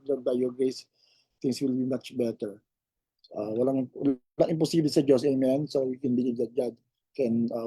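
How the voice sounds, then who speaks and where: A man's voice: medium pitch, warm tone, slightly rough, no echo, poor audio. A man hosting a church service, introducing the preacher in an easygoing, prayerful way with hesitant fillers. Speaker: service host.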